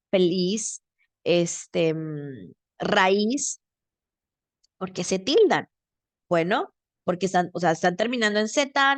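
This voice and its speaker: A woman's voice: mid-range voice, dry recording. A woman teacher with a Mexican accent giving a grammar lesson over a video call, explaining patiently step by step and checking in with her student.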